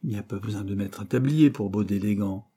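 A man's voice: lowish voice, brisk, dark tone, slightly rough. A man voicing a sulky, defiant young male apprentice who grumbles insolently. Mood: grumbling.

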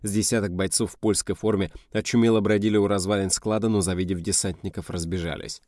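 A man narrating an audiobook in a steady, even storytelling manner. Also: fairly low pitch, fast, no room sound, studio quality.

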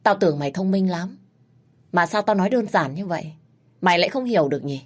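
A woman's voice: fairly low pitch, lively intonation, fast. A woman voicing a spiteful shrieking sister-in-law. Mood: mocking. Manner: contemptuous, shouting abuse.

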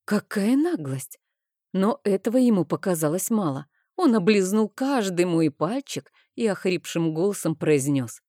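A woman reads a novel aloud in the first person, putting feeling into the lines. Her voice sits on the low side with a dark, mellow tone. The recording is dry and close, with no room sound. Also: dry recording. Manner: expressive, emotional reading. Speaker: audiobook narrator. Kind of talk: first-person audiobook narration.

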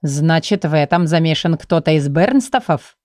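A woman voicing a terse, brisk male police commander who speaks in short, clipped orders. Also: deep voice, expressive, darkish tone, no echo, studio quality. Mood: thoughtful.

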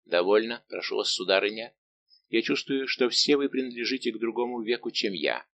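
A man's voice: medium pitch, expressive, brisk, creaky, fairly bright tone, dull audio. A male reader voicing a heartbroken young nobleman who speaks in a bitter, restrained, formal way, in an audiobook.

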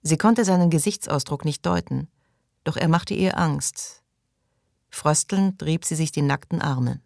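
A woman narrating an audiobook in a calm, even storytelling manner. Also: low voice, a little slow, vocal fry, no room sound, studio quality. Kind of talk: scripted narration.

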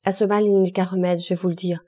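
A woman's voice: fairly low pitch, flat delivery, fast talker, warm tone, husky. A woman reading as a stricken old priest. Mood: urgent. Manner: urgent, pleading, fading. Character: old male priest prisoner, stricken, urgent.

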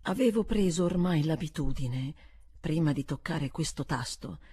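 A woman narrating a literary audiobook in a measured, expressive storytelling manner. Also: deep voice, slightly rough. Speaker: audiobook reader.

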